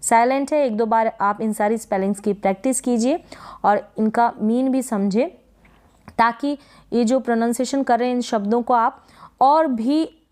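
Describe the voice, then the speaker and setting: A woman's voice: fairly high pitch, a little mellow. A woman teaching English spelling and pronunciation, patiently repeating each word and asking rhetorical questions.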